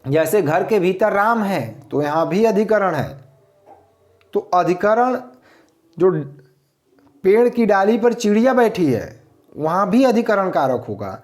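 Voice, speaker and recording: Slow, lively male grammar teacher. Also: high-pitched. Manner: explains slowly, repeats answers, asks and answers own questions. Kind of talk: grammar lesson.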